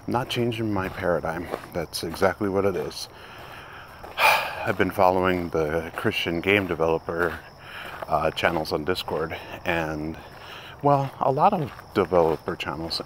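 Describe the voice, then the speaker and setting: A man vlogging casually while walking outdoors at dusk, rambling with many halting restarts. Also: deep voice, background noise. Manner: turns into quiet prayer. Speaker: vlogger and hobby game developer. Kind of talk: casual walk-and-talk vlog.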